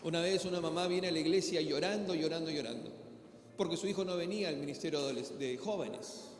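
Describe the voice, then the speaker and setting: High-voiced Peruvian pastor preaching in an echoey hall. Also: male voice, fast, slight background noise. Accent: Peruvian Spanish. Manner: conversational preaching, acts out dialogues. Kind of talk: sermon. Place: church hall. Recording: echoey hall with faint ambience.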